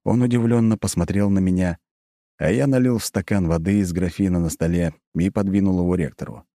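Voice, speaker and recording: A man reading first-person audiobook narration in a calm, measured way. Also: deep voice, dry recording, clean studio sound.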